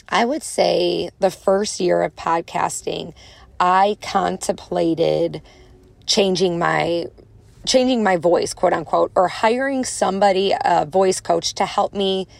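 A young woman with a strong Chicago accent hosts a solo motivational podcast in a casual, encouraging way, acting out inner voices as she goes. Her voice is lowish and gravelly, with no echo.

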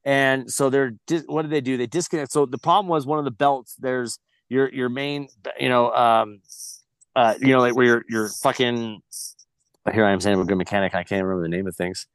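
A man's voice: medium pitch, steady tone, fairly quick, clean tone, no room sound. A man telling a story as a podcast guest, blunt and heavily profane, rambling with frequent restarts. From United States. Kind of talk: casual storytelling.

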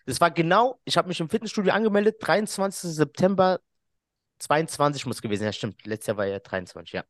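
A man's voice: fairly high pitch, animated, fast, fairly bright tone, no echo, clean studio sound. A man, a podcast guest who tells a story in casual chat, laughs often and acts out what people said.

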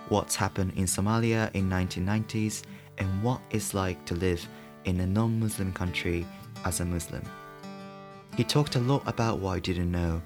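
Low-voiced male podcast host over guitar music. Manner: short interjections of surprise. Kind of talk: scripted intro, then interviewing.

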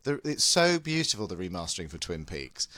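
A man's voice: sits low, very animated, a little fast, pushed and bright, no room sound, clean studio sound. A man hosting a casual film and TV chat in a campy, theatrical drag queen manner. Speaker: podcast host.

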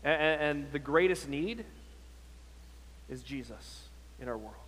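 A pastor with a fairly high, husky, fairly bright voice preaches a little slowly but with animation. His earnest, exhortative sermon features rhetorical questions and frequent repetition, and the recording has long hall reverb.

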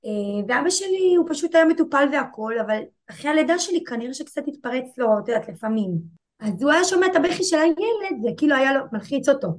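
A woman in her twenties telling a painful personal story as an interview guest, halting and repeating herself. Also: sits high, expressive. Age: 20s. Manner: halting, repeats herself, voices rise and fall with emotion.

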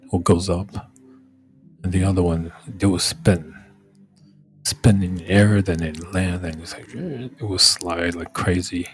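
Low-voiced, slow man. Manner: halting, repeats words and phrases. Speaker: livestream host. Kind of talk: casual rambling chat.

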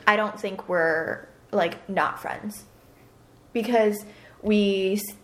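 A woman's voice: medium pitch, fairly even intonation, very slow, fairly bright tone. A young woman in her twenties, co-hosting a podcast in casual chat and filling her talk with frequent fillers. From Hong Kong. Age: 20s. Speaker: podcast co-host. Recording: roomy echo.

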